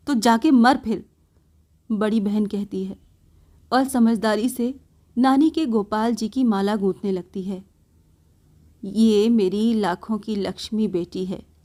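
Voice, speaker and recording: A woman reading a literary story aloud in the first person, in a slow, soft narrating manner. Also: medium pitch.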